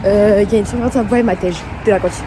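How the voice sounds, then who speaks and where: A woman's voice: medium pitch, fairly even intonation, very fast, noisy background. A teenage young woman chatting casually to her vlog, telling rambling, slangy anecdotes and quoting people as she goes. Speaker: vlogger. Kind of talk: casual chat vlog, storytelling.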